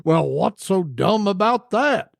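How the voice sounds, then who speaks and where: A man doing a slow-witted country hillbilly who drags every word out in a lazy, folksy drawl. His voice stays fairly high and lilts up and down as he spins his yarn. The sound is close and dry. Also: big pitch swings, gravelly, dry recording, heavily acted. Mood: punchline. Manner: slow, drawn-out folksy delivery.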